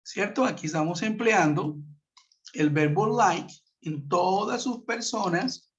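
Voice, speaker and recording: High-voiced man teaching over a web call. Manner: patient, explanatory, checks with "¿cierto?"; reads example sentences slowly. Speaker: English teacher. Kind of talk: online class explanation. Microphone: computer mic on a web conference. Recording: muffled web-conference audio.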